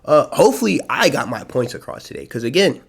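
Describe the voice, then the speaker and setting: A man's voice: mid-range voice, sing-song, quick pace, creaky, breathy edge. A young American man talking casually to his channel, rambling and loose with lots of slang and fillers. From United States. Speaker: YouTube vlogger. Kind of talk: casual solo talk to camera.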